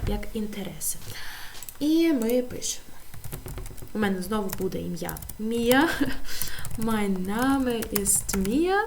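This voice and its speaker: A woman with a Ukrainian accent teaching German to pupils, reading textbook sentences slowly and translating them into Ukrainian. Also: mid-range voice, creaky, a little mellow, slight background noise. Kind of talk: slow textbook walkthrough for pupils.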